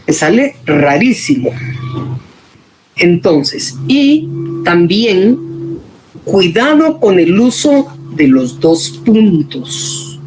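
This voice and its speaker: A woman's voice: mid-range voice, darkish tone, a little hiss or hum, rough recording. A woman teaching a writing workshop in an informal lecture style, explaining patiently and often checking that her students follow.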